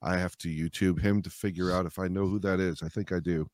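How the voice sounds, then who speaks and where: A man in casual group banter as a podcast co-host, swearing freely and repeating his phrases excitably. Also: deep voice, fast talker, no room sound, studio quality.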